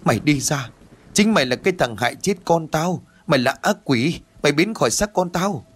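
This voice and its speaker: A man's voice: on the high side, lively intonation, brisk, slight background noise, pitched above the performer's own voice, close to an everyday voice. A man voicing a grieving mother who wails and lashes out in an audio ghost story. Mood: wailing. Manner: wailing, accusing. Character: grieving mother, wailing and hysterical.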